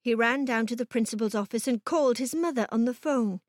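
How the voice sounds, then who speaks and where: A woman narrating children's stories for an audiobook in an expressive, voice-shifting way, recorded close on a studio mic. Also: fairly high pitch, a little fast, dry recording.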